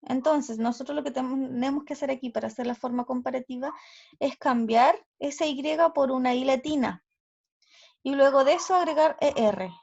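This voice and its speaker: A woman teacher with a Chilean Spanish accent explains grammar rules slowly and carefully, checking in with her students. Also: high voice, gravelly, darkish tone. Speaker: English teacher. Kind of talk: recorded online grammar lesson. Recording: slightly dull lo-fi audio.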